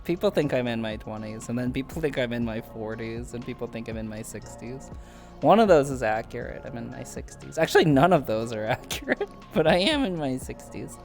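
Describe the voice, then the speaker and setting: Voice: medium pitch, animated, fairly quick, vocal fry, a little mellow, soft background music. A podcast host in casual interview chat on a stream, chatty, joking and rambling.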